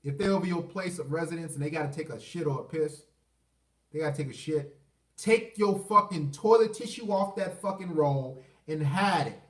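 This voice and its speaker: A man's voice: fairly high pitch, moderate pace. A man ranting to camera in a blunt, crude and repetitive way, often restarting his phrases. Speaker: vlogger. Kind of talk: casual rant to camera. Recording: echoey room, voice far from the mic.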